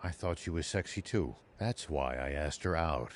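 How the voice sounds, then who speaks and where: An actor playing a weary older war hero who speaks calmly and plainly. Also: male voice, very deep voice, moderate pace. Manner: calm, understated.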